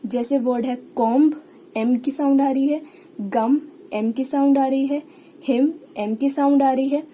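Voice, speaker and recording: A woman's voice: high voice, steady tone, unhurried, dark tone, a little hiss or hum. A woman with an Indian accent teaching a shorthand lesson step by step, patiently repeating key words and example sounds. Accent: Indian English. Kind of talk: online lesson explaining step by step.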